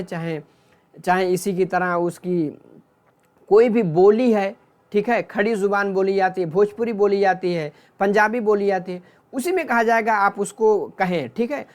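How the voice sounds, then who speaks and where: A man teaching an exam-prep class, explaining step by step, often checking in with listeners and restating terms in Urdu, Hindi and English. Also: high voice.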